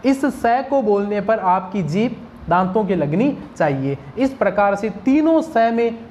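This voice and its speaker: A woman's voice: medium pitch, expressive, measured pace, darkish tone, a little hiss or hum. A woman teaching Sanskrit pronunciation, drilling single sounds and answering her own questions to the class. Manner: asks questions and answers them herself; drills sounds one at a time. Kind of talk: pronunciation lesson.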